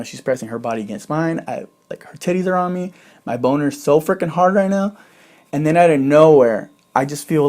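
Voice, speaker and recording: Young guy rambling thru a storytime, mid-pitched voice, says like a lot, swears. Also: a little mellow. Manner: chatty, swears often, fills with "like". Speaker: YouTuber telling a personal story. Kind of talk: casual storytime monologue.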